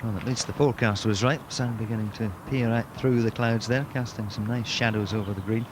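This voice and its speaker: A man commentating on televised golf in measured, clipped descriptive phrases with pauses. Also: fairly low pitch, steady tone. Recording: clear outdoor course noise behind voice.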